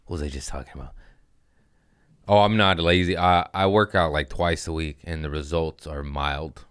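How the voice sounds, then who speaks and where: In a podcast studio, a comedian host with a very deep voice rambles crudely and casually, often stopping mid-sentence to restart and poking fun at himself. His tone is fairly bright and clean, his intonation fairly even, his pace moderate, and the recording is dry and studio quality.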